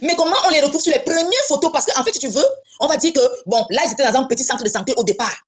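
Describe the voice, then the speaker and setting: A woman's voice: high voice, expressive, rapid-fire, slight background noise. A woman from Cameroon living in France, talking bluntly and insistently in a casual online discussion, repeating her points. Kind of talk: heated casual chat. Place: lives in France.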